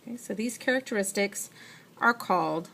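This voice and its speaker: A woman's voice: medium pitch, normal speed, gravelly, a bit bright, a little hiss or hum. A woman teacher giving a patient, explanatory science lesson, talking through what she writes as she goes. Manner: patient, explanatory, thinks aloud while writing. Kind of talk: classroom lecture.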